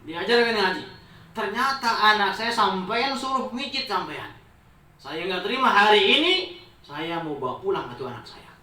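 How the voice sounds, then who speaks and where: A man voicing an indignant middle-aged father, shouting and then pleading, recorded in a roomy space from a distant mic. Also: on the high side, a little fast. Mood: furious.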